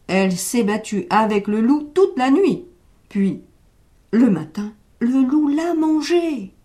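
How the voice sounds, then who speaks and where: A woman reading aloud puts on an anxious old farmer who frets over his goats and raises his voice in alarm. The delivery is slow and mellow, with a slightly high pitch. It is a storybook reading. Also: very animated. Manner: pleading, exclaiming loudly. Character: worried kindly old male goat farmer.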